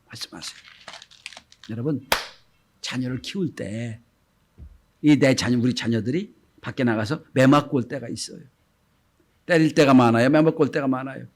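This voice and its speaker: A middle-aged man preaching a Sunday sermon as pastor, often dropping into gentle quoted speech and then rising loud again. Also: mid-range voice, normal speed, long pauses. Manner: acts out gentle quoted speech, swings between soft and loud.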